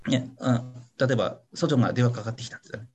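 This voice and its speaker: A man's voice: medium pitch, very fast, a little mellow, a little hiss or hum. A man pastor giving a casual teaching sermon online, chatty and playful, tagging his sentences with little questions to the listeners. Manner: chatty, keeps adding a questioning "ne" tag; playful, acts out little voices for examples. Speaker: pastor leading a Bible study. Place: online meeting with a congregation.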